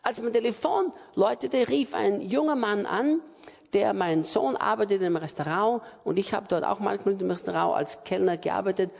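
Husky, gravelly Austrian preacher in a hall. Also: male voice, sits high, moderate pace, a little mellow. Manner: emphatic preaching with repetitions. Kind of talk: sermon. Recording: reverberant hall.

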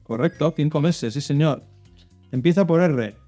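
A man's voice: on the high side, moderate pace, dark tone, soft background music. Man hosting a quiz. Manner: reads clues then coaxes and hints. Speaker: quiz host. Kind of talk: hosting a children's religious quiz show.

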